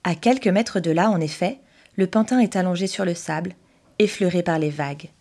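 A woman narrating a children's storybook in an expressive, dramatic way. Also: on the low side, brisk. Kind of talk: storybook reading.

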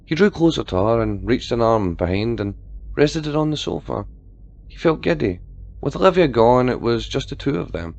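A man narrating a story aloud in a steady storytelling style and doing voices for the characters. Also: medium pitch, normal speed, creaky, highs cut off.

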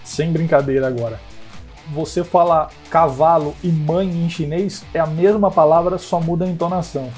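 A man co-hosts a podcast, his voice a little high. He explains jokes with mock seriousness over faint music. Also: steady tone, normal speed, a little mellow. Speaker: podcast co-host. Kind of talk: casual podcast chat.

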